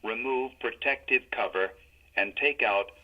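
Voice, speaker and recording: A man voicing a defibrillator prompt, giving calm, impersonal step-by-step instructions as the machine. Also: medium pitch, measured pace, lightly acted. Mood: calm, instructive. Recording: dull, lo-fi device audio.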